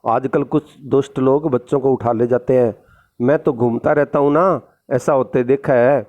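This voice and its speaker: A man voicing a sleepy, curious male crow in a storybook play, asking quick questions. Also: mid-range voice, fairly even intonation, narrow, tinny audio, lightly acted.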